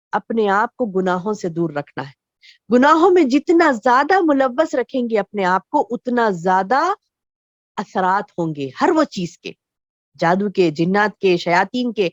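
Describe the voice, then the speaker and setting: A woman religious teacher giving a lecture to women, explaining slowly with repeated phrases and rhetorical questions. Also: mid-range voice, dry recording, highs cut off.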